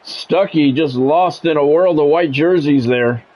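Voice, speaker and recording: His voice on the high side yet darkish in tone, a man talks unhurriedly through live-stream play-by-play of a football video game. Plain-spoken, grumbling chat mixes in, and the recording has its highs cut off.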